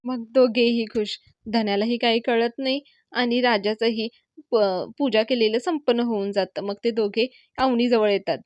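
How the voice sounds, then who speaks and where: A woman reviewer retelling a TV serial episode in a lively storytelling way. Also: fairly high pitch, moderate pace, dry recording, muffled recording. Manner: lively storytelling, quoting characters.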